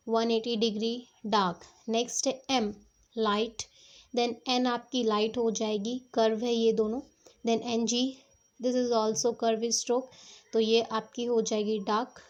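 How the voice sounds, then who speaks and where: A woman teaching shorthand strokes step by step, patiently checking that her students follow. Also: fairly high pitch. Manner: patient, repeats "ठीक है" to check understanding. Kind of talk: step-by-step classroom explanation.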